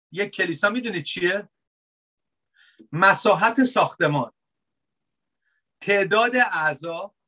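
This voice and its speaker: A man delivers a sermon in an easygoing, talky way. His voice sits a bit high and sounds bright and forward. He poses rhetorical questions and slips into quieter, wry asides. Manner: conversational preaching with rhetorical questions, dropping to soft asides. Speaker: pastor.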